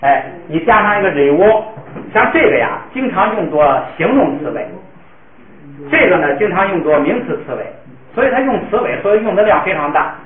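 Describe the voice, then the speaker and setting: A man teaching a classroom pronunciation lesson, patiently modeling words slowly for the class to repeat. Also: high-pitched, big pitch swings. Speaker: language teacher. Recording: echoey room, tinny phone-like sound.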